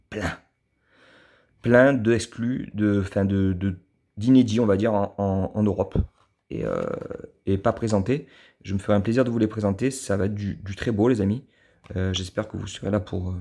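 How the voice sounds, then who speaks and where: A man's voice: fairly low pitch, a little mellow, a little hiss or hum. A man from southern France with a southern French accent, casually reviewing his die-cast model cars, hesitant with many fillers and restarts, fond and admiring.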